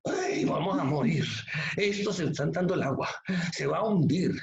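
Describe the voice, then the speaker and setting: A man's voice: fairly high pitch, lively intonation, moderate pace, gravelly. A man putting on a wailing, panicky churchgoer. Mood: panicked. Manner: whiny, frantic, wailing. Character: panicky churchgoer begging for prayer. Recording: echoey, slightly muffled room recording.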